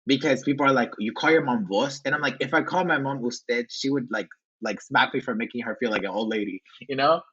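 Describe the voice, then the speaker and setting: A young man from Virginia with Honduran and Salvadoran roots, chatting as a podcast guest and telling stories in an animated way, switching between English and Spanish. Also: medium pitch, fast, husky, muffled recording. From Honduran Salvadoran American from Virginia. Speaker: podcast guest, content creator. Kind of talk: casual conversational interview.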